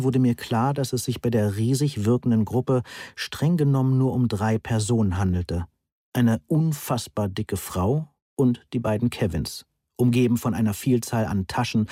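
A man reading a first-person novel aloud as audiobook narrator, measured, dry and understated. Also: medium pitch, warm tone, husky, no echo.

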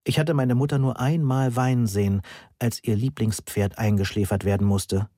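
A man reading a novel aloud in the first person in an even, measured way. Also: mid-range voice, no room sound, clean studio sound. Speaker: audiobook narrator.

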